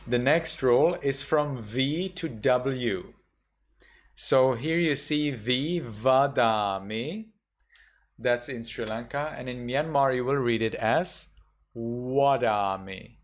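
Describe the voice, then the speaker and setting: Monk teacher, male, unhurried, mid-pitched, patient drills of each word. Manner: slow, patient, repeats example words carefully. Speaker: Buddhist monk teaching a class. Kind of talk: online class instruction.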